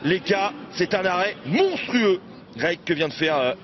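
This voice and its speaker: A man giving excited live football commentary, exclaiming and stretching out key words as play unfolds. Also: sits high, unhurried. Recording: dull lo-fi broadcast over loud crowd. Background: loud stadium crowd.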